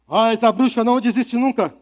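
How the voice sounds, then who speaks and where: A man with a Brazilian Portuguese accent telling a story live at a literary fair, animated and playful, asking the audience questions. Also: extremely high pitch, normal speed.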